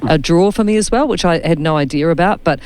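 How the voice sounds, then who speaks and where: A woman hosting a radio chat, telling chatty personal anecdotes in a relaxed, conversational way. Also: on the low side, quick pace, a little hiss or hum. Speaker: radio host.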